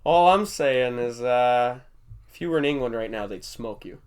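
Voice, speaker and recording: Young man telling lively jokey stories. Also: medium pitch, normal speed, clear, resonant tone. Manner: rambling, jokey storytelling, often laughing. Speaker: podcast host. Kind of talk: casual chat.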